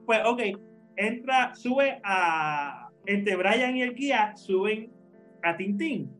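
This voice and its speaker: High-voiced man telling a lively story. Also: slow, faint music behind. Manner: lively, laughs often, mixes in English words. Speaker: podcast co-host. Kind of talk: casual storytelling among friends.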